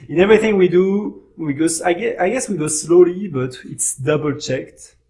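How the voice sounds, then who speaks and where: A man speaking earnestly as a podcast guest in casual chat, often pausing to search for words. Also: sits high, mellow, slight background noise.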